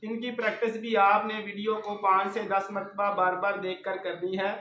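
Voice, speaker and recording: A man's voice: high-pitched, completely flat delivery, moderate pace, sharp tone. A man teaching a children's reading lesson, sounding out each letter and repeating every word for young learners. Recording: roomy, slightly dull recording.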